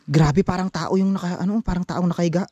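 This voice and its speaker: A man vlogging as he explores an abandoned forest site outdoors, talking in tense, hushed phrases. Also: sits high, fairly even intonation, fast talker, lo-fi sound. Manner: tense, wary, talks in short hushed phrases. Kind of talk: hushed exploration vlog narration.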